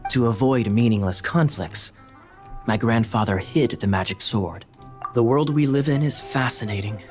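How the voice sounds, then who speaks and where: Scheming cavalry captain for a game, played by a man: mid-pitched, grandiose storyteller, teasing, music underneath. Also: normal speed, close to an everyday voice. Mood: grand storytelling. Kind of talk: video game voice acting.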